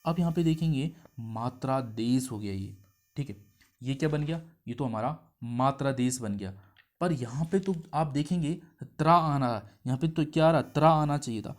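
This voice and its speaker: Guy teaching hindi grammar, middle pitch, keeps asking if u got it, sounds out syllables slow and repeats em. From India. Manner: explains step by step, asks the class questions. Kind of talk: exam-prep lesson.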